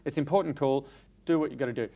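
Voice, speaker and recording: An Australian man co-hosting a casual chat, emphatic and animated when telling stories. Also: mid-range voice, racing. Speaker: podcast co-host. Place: cinema.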